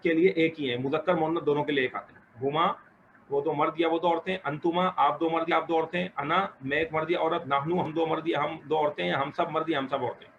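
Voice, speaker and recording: A man's voice: a little high, steady tone, quick pace, a bit bright. Patient male teacher, lo-fi recording. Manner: questioning, patient, encouraging students. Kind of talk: classroom Arabic grammar lesson. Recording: dull lo-fi recording with faint noise.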